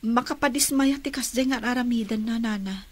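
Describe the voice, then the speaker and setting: A woman's voice: on the high side, a little fast, close to an everyday voice. A woman playing an earnest, wronged young woman in a radio drama, with a Filipino accent. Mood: dismayed.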